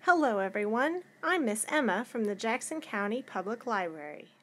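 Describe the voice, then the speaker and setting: Presenting as a children's librarian, a woman explains things to young viewers in simple, clearly phased steps. Her fairly high voice is animated and moves at a moderate pace.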